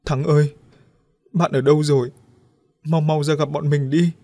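A timid, anxious young friend in a storybook tale, voiced by a male reader. The voice rises higher and louder when calling out. The recording is dry and close. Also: level tone, normal speed, dry recording, natural voice. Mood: tearful.

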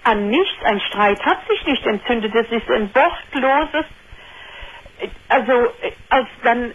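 An older woman calling in to a radio show over a dull, muffled phone line. Her voice is husky and breathy, and she tells her story haltingly, with restarts, sounding hurt. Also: a little high, animated. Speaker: caller. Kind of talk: telling a personal story on a call-in show.

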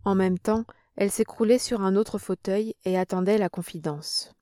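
A woman's voice: mid-range voice, steady tone, moderate pace, warm tone, dry recording. Woman narrating a novel, dry close sound. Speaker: audiobook narrator. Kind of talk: novel reading.

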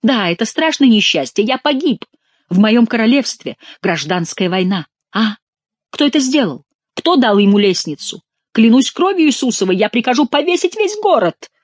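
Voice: expressive, fairly quick, no echo, natural voice. A reader voicing a hysterical king, a man who wails and rants in an overwrought way. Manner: wailing, shrill, overwrought. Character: hysterical King, middle-aged man, excitable.

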